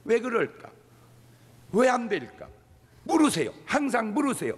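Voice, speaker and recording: A Korean-speaking pastor with a high, bright voice that swoops widely up and down as he preaches. He talks in an animated way and keeps cueing the listeners to repeat after him. His voice rings out through the long reverb of a big church sanctuary. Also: a little slow, slightly rough. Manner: animated, leads the congregation in call-and-response. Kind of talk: sermon.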